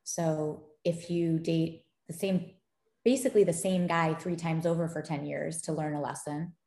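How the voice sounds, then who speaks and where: Her voice is low-pitched and unhurried with noticeable vocal fry as she guests on a podcast, laughing and animated while she tells stories about dating and gaming. The casual interview was captured in an echoey space.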